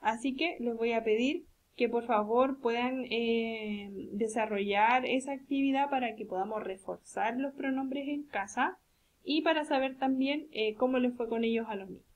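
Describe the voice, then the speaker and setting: A woman with a Chilean accent and a rather high voice gives a recorded lesson to young children as a speech therapist. She talks slowly and patiently, repeating examples and checking that the listeners follow. The recording sounds dull and lo-fi. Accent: Chilean Spanish. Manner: patient, slow and deliberate, checks understanding with tag questions. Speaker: speech therapist teaching a virtual class.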